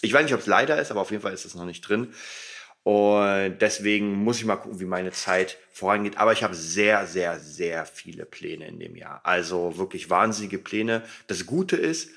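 A man's voice: low voice, expressive, moderate pace, a bit bright. A man hosting a casual, rambling solo podcast, informal and emphatic, his articulation slightly impeded by a dental retainer. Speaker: podcast host.

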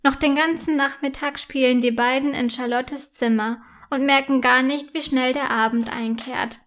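A woman narrating a children's story in a slow, clear, gentle storytelling manner. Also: high voice, steady tone.

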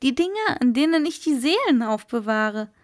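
A woman voicing a sly, jovial old male merman in a storybook reading, with high, loud, lively exclamations. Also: normal speed.

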